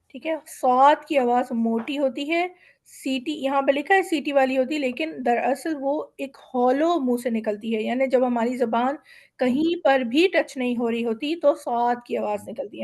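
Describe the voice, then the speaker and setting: Patient high-voiced woman teaching recitation. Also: a little mellow. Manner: patient, slows down to sound out example words. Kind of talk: explaining pronunciation in a class.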